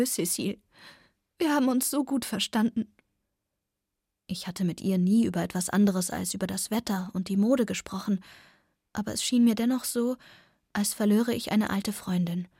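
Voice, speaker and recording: A woman reading a first-person novel aloud, soft and often close to a whisper. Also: mid-range voice, breathy edge, dry recording. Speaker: audiobook narrator.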